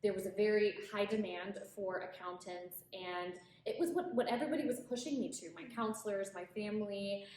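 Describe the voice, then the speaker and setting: A woman's voice: medium pitch, fairly quick, hardly any pauses, darkish tone. A woman in her late twenties, originally from Ethiopia, talks about her work in a casual, earnest way, often restarting her sentences. Her voice rings out in a very echoey room, and a faint ambient hum sits behind it. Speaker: guest, HR professional. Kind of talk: casual video interview.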